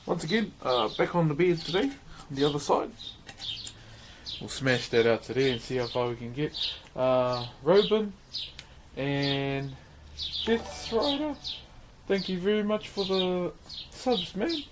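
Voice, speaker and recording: Man with broad Kiwi accent, slightly high voice. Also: lively intonation, measured pace, noisy background. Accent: broad New Zealand. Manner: laid-back, matey, slangy. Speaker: livestream host. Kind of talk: casual livestream chat.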